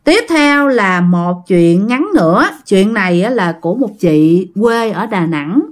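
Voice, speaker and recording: A woman's voice: medium pitch, lively intonation, measured pace. A woman telling listener-sent ghost stories as a channel host, chatty and often talking straight to her audience. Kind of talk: told ghost story narration.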